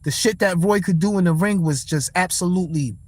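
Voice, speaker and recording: High-voiced man ranting profanely about boxing. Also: fairly quick, no echo. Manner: profane, blunt, rants and answers chat. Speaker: livestream host. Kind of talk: casual boxing talk livestream.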